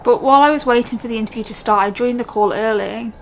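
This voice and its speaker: A fast-talking young British vlogger with a fairly high voice speaks to camera casually and off the cuff, candid and rambling, often breaking off her own sentences. The recording is rough, with slight background noise.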